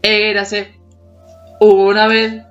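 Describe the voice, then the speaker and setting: A woman in her forties speaks slowly and in a monotone, mid-range voice while co-hosting a podcast. Still, she laughs often and hums bits of old tunes during the casual talk about childhood TV songs, recorded in dull lo-fi sound with faint music behind.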